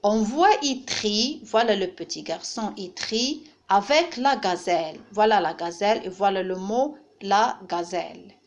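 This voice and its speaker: A woman's voice: mid-range voice, a little slow, few pauses. A woman teacher giving a reading lesson to young children, patiently repeating each word and splitting it into syllables. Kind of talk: French phonics lesson for children.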